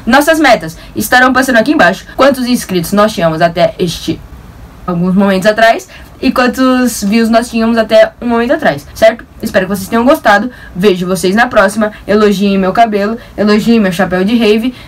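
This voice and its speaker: Young woman, São Paulo Brazilian accent, vlogger, rapid, slangy, self-mocking storyteller, slightly distant mic. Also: a little high. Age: young adult. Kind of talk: casual storytelling to camera.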